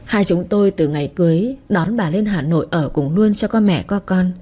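A woman telling a first-person story in a chatty, wry way. Her tone is mellow and dark, slightly breathy. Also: on the low side, fairly quick. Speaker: narrator. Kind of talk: first-person audiobook narration.

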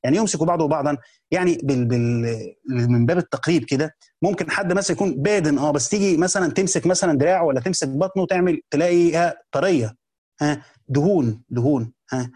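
Husky, fast-talking Egyptian man teaching. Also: on the high side, a little mellow. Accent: Egyptian Arabic. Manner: explains by repeating and restarting words, conversational. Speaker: teacher of a hadith book. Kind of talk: colloquial lesson commentary.

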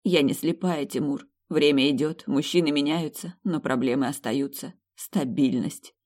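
A woman's voice: low-pitched, normal speed, darkish tone. A woman voicing a hurt, bitter pregnant young wife in an audiobook story reading.

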